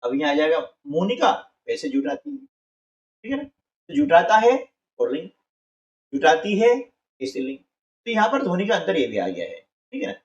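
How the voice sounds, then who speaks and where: Patient man teaching slowly in an echoey room. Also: a little high, wildly swooping pitch. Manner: slow, patient, repeats words and asks "है ना". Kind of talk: Hindi workbook lesson for schoolchildren. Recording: echoey, dull sound from a distant mic.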